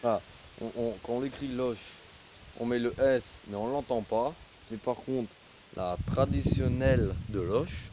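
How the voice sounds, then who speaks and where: A man with a lowish voice films a slow, hesitant, rambling vlog of himself walking on a country path in a village, holding his phone on a pole. Faint rural noise sounds in the background, and his speech is full of fillers and trailing "voilà, hein".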